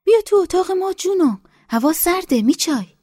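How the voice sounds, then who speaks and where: A woman voicing a warm, motherly older village woman who coaxes and fusses in affectionate dialect. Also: extremely high pitch, expressive, no echo, studio quality, pitched above the performer's own voice. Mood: coaxing. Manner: coaxing, dialect-tinged, affectionate.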